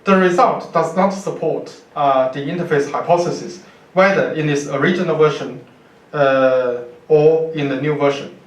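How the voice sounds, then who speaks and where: A university professor lectures indoors at a podium, a man with a Chinese accent working from notes in a deliberate, halting manner with repeated words. His voice is on the high side, and a distant camera microphone gives the recording a roomy lecture-hall feel.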